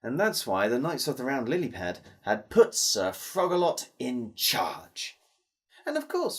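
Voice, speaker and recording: Here a storyteller in a mid-range voice spins a tale for kids, playing it up theatrically with dramatic pauses and questions aimed at the listeners.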